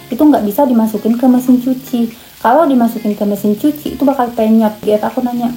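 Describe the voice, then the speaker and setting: A woman's voice: a little high, steady tone, fast talker, dark tone, faint music behind, low-quality recording. A young woman from Indonesia telling a personal story in a casual, emotional vlog, repeating herself as she goes. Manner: emotional, repetitive, chatty. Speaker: vlogger.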